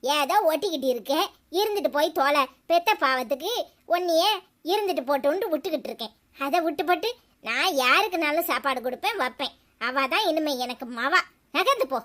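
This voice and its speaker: Woman doing a shrill scolding cartoon mother. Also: lively intonation, fairly quick, a bit bright. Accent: Tirunelveli Tamil. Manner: harsh, scolding. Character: sharp-tongued older mother, scolding and bitter.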